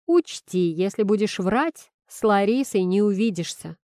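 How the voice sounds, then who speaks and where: A woman's voice: mid-range voice, animated, a little slow, darkish tone, no echo, natural voice. A woman reading a blunt, curt young woman. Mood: threatening. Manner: dry, curt delivery.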